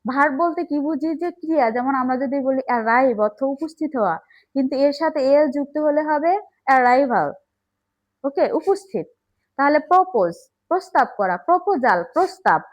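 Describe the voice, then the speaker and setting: A woman's voice: high voice, lively intonation, brisk, rough recording. A woman teaching an English grammar lesson, explaining step by step and checking in with the class.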